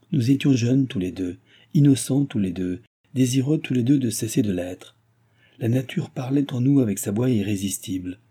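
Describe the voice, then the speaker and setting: Guy doing a smug young philosopher, lectures coldly, dark and husky. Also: lowish voice. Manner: cold, lecturing, disdainful. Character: young man, cold, arrogant self-taught philosopher.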